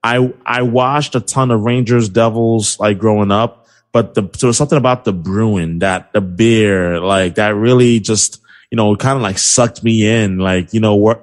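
A young man from New City, chatting about sports in a rambling, trash-talking way full of fillers. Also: on the low side. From New York City. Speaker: podcast guest, sports broadcaster. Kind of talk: casual sports chat.

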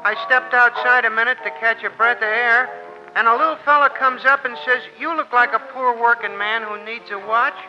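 A chatty, working-class bartender with a high voice and slangy, folksy talk. Music plays clearly behind him, all through a dull, lo-fi vintage radio broadcast. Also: male voice, fairly even intonation, brisk, bright, forceful tone, full character voice. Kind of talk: 1940s radio acting.

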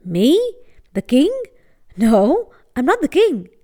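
A woman's voice: on the high side, big pitch swings, slow, a little mellow, heavily acted. A woman storyteller voicing a young horseman who is abashed and puzzled, answering with emphatic surprise. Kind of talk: acted storytelling dialogue.

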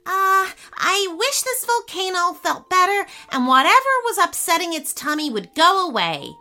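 A woman's voice: very high voice, very animated, moderate pace, sharp tone, soft background music, voice pushed up, exaggerated voice. A woman voicing a cautious, earnest young boy in a children's storybook. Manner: earnest, unsure. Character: young boy, thoughtful and cautious older brother.

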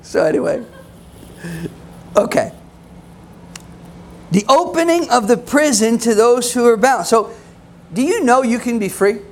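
A man's voice: extremely high pitch, a little slow, pauses often. Conversational male preacher giving a sermon. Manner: conversational, laughing asides, acts out quoted voices.

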